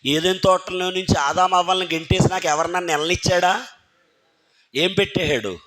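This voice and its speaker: Male preacher, high voice, emphatic sermon full of questions put to listeners. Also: normal speed, bright, forceful tone. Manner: keeps firing rhetorical questions at the congregation and calling on listeners by name; emphatic, urging listeners to think carefully. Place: church hall.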